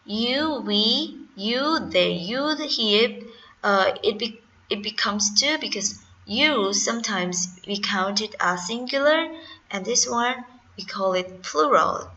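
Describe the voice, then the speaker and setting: Khmer accent woman teacher, slow and patient, spells stuff out, bright sharp voice. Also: on the high side, expressive, muffled recording. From Cambodia. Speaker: English teacher. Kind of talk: classroom grammar lesson.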